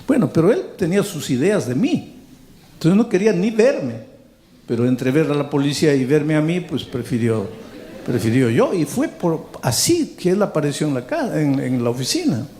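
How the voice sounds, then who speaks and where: A man's voice: on the high side, very animated, normal speed, warm tone. A man preaching a sermon as a pastor, telling a personal story and speaking straight to the listener, repeating words for emphasis.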